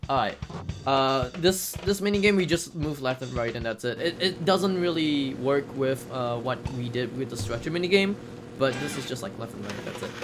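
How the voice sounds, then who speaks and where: A man provides casual live commentary on his speedrun over loud video game music. His medium-pitched voice is animated and moderately paced, and he chats freely, often repeating himself.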